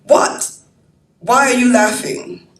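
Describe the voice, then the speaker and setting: A woman's voice: a little high, takes it slowly, pitched above the performer's own voice. A woman reading the part of a jovial Dutch male tourist with a Dutch accent, earnest and puzzled, in a roomy hall, heard from a distance. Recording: roomy hall, mic from afar.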